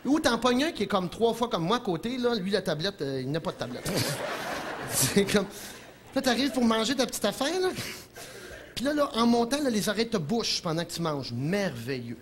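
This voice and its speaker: A man with a Quebec French accent doing an animated stand-up comedy monologue in a television studio, breaking into impressions. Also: high voice, normal speed, noisy background. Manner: animated, jumps into shouted impressions, chuckles at own jokes.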